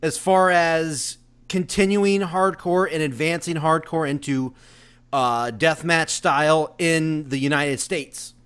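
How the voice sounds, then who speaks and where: A man's voice: a little high, fairly even intonation, takes it slowly, fairly bright tone, clear, resonant tone. A man co-hosting a podcast, rambling through his argument with many fillers and giggles. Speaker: podcast co-host. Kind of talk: casual debate.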